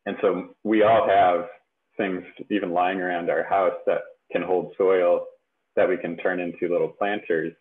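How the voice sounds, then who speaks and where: A man presenting in a casual webinar from home with a headset, relaxed and chatty with many fillers. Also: sits low, measured pace. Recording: tinny phone-like webinar audio.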